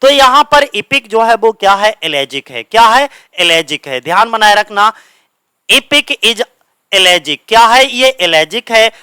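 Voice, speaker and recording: A man's voice: sits high, expressive, measured pace, bright, forceful tone, smooth, no room sound, poor audio. A man with a Hindi accent teaching literature for exam prep at a coaching centre, asking questions and answering them himself while mixing English terms into his Hindi.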